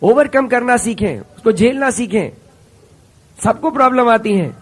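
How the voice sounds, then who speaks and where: A middle-aged man from India giving a lively motivational stage talk, speaking in short punchy phrases and asking the audience rhetorical questions. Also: very high voice, a little slow, husky. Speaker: business seminar speaker.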